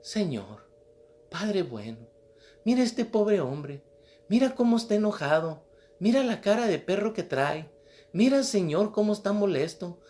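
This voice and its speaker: A pious little old woman, pitched well up, coaxing and pleading with God in prayer, as a preacher puts her on. Her voice stays high and insistent throughout. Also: big pitch swings, unhurried, warm tone.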